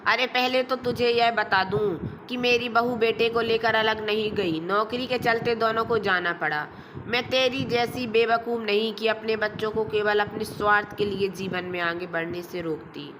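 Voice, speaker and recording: A woman's voice: fairly high pitch, steady tone, moderate pace, background noise, lightly acted. A woman voicing a blunt, bossy older aunt in a storybook reading, firm and outspoken. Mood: lecturing.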